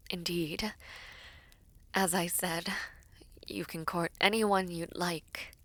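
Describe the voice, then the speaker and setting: A woman gives a breathy, often near-whispered performance as a poised, teasing, affectionate villainess princess in a fantasy romance audio roleplay, with formal courtly phrasing. Her voice is lowish and a bit bright, recorded dry, and she sounds hushed and reserved.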